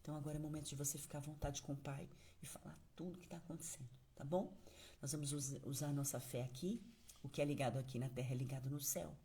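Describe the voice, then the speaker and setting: A woman's voice: low voice, fairly even intonation, quick pace, warm tone, a little hiss or hum. A woman with a Brazilian accent gives a morning devotional message and leads prayer in a conversational way, acting out casual, everyday prayers. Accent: Brazilian Portuguese. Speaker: preacher.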